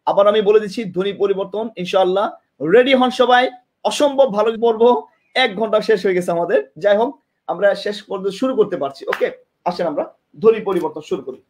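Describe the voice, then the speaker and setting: A man teaching an online exam-prep class, often repeating himself and asking students questions, recorded by a camera mic in a classroom with a board. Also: high-pitched. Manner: demonstrates with tongue and lips.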